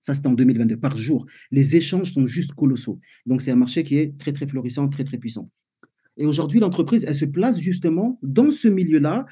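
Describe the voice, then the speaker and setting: A man from Martinique presents a business opportunity over a video call. His voice is very dark and a little husky. He talks in a loose, chatty way, with plenty of fillers and restarts. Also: fairly high pitch, fairly quick. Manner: chatty, many fillers and repeated words. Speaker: network marketing presenter.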